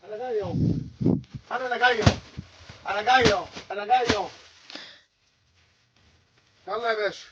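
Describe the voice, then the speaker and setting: A man with an Egyptian accent selling carpets in a casual market-style pitch. He chats away and keeps repeating short phrases the way a street hawker does. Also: a little fast, pauses often, highs cut off, noisy background. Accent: Egyptian Arabic. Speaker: carpet seller.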